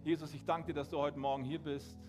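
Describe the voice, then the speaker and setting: Male pastor, sermon storyteller, animated delivery, faint music bed. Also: on the high side, fast. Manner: animated storytelling, acts out quoted voices.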